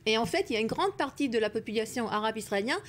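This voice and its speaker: High-pitched woman debate guest in a TV studio, emphatic, trips over her restarts. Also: expressive, slight background noise. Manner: emphatic, rapid, with many restarts. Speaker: panel guest. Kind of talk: TV news debate.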